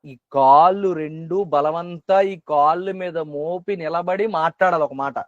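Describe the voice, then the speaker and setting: A man's voice: a little high, unhurried, dry recording, muffled recording. A man preaching a sermon at an online prayer meeting who keeps asking questions and repeating phrases for emphasis. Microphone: video call.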